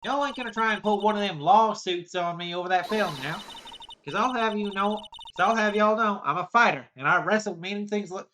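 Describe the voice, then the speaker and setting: A woman's voice: medium pitch, fairly quick, slight background noise, pitched above the performer's own voice, close to an everyday voice. Woman putting on a brash Southern-drawl photographer. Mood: feisty. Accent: exaggerated American Southern drawl, put on. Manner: loud, folksy, combative.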